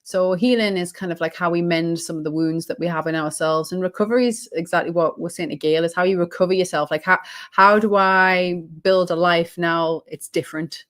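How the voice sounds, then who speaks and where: A British holistic healing coach, appearing as a guest in a casual interview chat, speaks in a lower, slightly hoarse voice, as if she's losing it. She rambles reflectively with many ums and restarts, yet her tone stays steady and her pace brisk.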